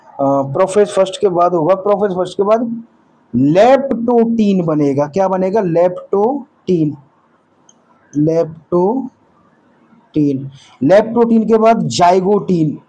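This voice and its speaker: High, mellow-voiced man teaching. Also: poor audio. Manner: repeats key terms as quiz questions to listeners, casual asides; corrects own slips mid-lecture. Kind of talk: classroom-style lecture.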